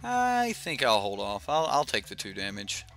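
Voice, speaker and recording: Over soft background music, a young man casually commentates his own card game on a live stream, thinking aloud with plenty of fillers and restarts. His mid-range, slightly bright voice swoops wildly in pitch, and he talks at a moderate pace.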